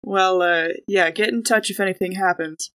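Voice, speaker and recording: Thinking aloud as she improvises, a woman chats informally over a tabletop role-playing game. She has a mid-range voice with a steady, fairly bright tone, speaking at normal speed.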